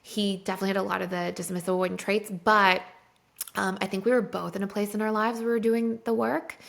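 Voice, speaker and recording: Female interview guest, conversational and candid, with a creaky edge to her voice. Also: medium pitch, little pitch movement, fast, fairly bright tone. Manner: candid personal storytelling, heavy use of "like". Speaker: guest, personal development expert. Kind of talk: casual podcast conversation.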